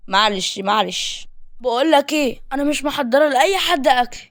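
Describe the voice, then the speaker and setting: A woman doing a shrill, fiery young Egyptian woman. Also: animated, a little fast, dry recording, studio quality. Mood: angry. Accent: Egyptian Arabic. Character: stubborn hot-tempered young woman, sharp-tongued.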